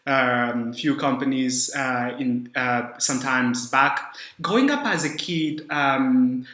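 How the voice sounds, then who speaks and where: A man's voice: mid-range voice, bright, forceful tone. A young man hosting a business podcast, speaking with many fillers and repeated words. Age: young adult. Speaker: podcast host. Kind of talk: podcast interview. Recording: echoey room.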